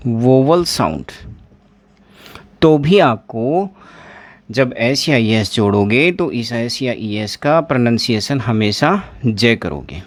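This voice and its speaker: A man's voice: mid-range voice, no echo. A man teaching an exam-prep pronunciation lesson, repeating words and asking his class questions as he writes at a board.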